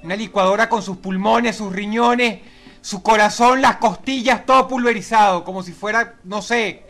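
A man with a Venezuelan accent narrating his gameplay, swearing nonstop and shouting in frustration. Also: high voice, normal speed, faint music behind. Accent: Venezuelan Spanish. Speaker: gamer. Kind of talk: raging gameplay commentary.

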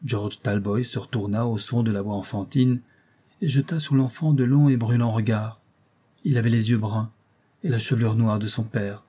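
Male narrator for a classic novel audiobook, measured delivery, husky tone. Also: lowish voice, warm tone. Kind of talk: scripted narration.

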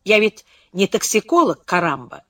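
A woman's voice: mid-range voice, sing-song, normal speed, a bit bright, no room sound, studio quality. A woman reading the part of a smug, sarcastic male doctor in an audiobook, blunt and mocking.

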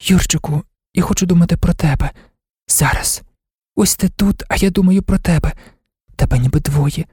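A man's voice: a little high, moderate pace, mellow, breathy edge, dry recording, clean studio sound, pitched above the performer's own voice. A man reading an audiobook, voicing a dreamy, impulsive young woman in love with an eager, tender manner. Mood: tender wistful.

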